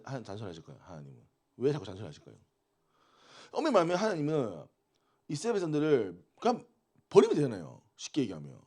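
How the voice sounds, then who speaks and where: A youth pastor with a warm, mid-range voice preaches to teenagers conversationally, frequently asking them questions and waiting for their replies in an interactive youth sermon.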